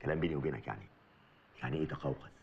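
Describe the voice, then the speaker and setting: A gruff Egyptian father who asks dry, practical questions. His voice is very low and husky, and he speaks fast. The audio is dull comedy-film sound. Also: exaggerated voice. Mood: wry.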